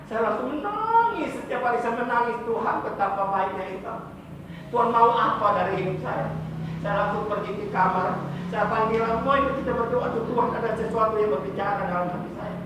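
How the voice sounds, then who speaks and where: An Indonesian pastor preaches a sermon with great passion, acting out tearful prayers to God. His voice is high, with fairly even intonation and a brisk pace, over a noisy background. The mic is far off in an echoey hall.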